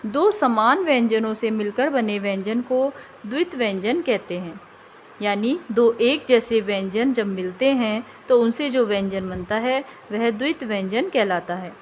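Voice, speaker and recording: A woman with a fairly high voice narrates a tutoring lesson in a steady, scripted way. She slows right down to stretch out each example word, and a faint hiss of background noise sits behind her. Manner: slow, carefully drawn-out example words.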